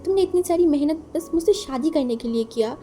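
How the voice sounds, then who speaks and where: Storybook role: a hesitant, heartbroken young man, soft-spoken and high; a woman voices him. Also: expressive, fairly quick, soft background music. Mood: doubtful. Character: wary heartbroken young man, quietly moved.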